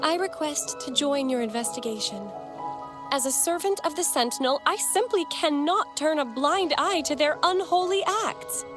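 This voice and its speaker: Woman doing a devout young believer, high bright animated voice, earnest, game music behind. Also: normal speed, close to an everyday voice. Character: earnest pious young female church member. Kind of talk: video game voice acting.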